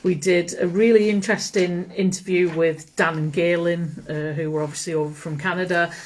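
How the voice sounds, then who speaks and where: A woman's voice: on the low side, steady tone, normal speed, a little mellow, slight background noise. A woman co-hosting a live stream, chatting in a friendly, easygoing way. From England. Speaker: co-host.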